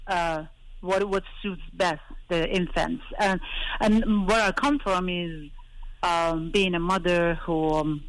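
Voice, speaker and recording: A woman's voice: lowish voice, fairly even intonation, slow pace, no room sound. A middle-aged woman calling in over a phone line, hesitant and searching for her words. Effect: heard over a phone line. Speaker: caller. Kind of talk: call-in question.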